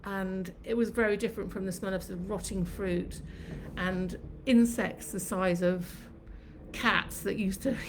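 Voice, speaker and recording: On her own channel's live stream, a Sri Lankan-born woman in her fifties sits in her home kitchen recalling her childhood and early years at length, chatty and reflective. Her pitch sits mid-range for a woman, and there's a little hiss or hum in the background.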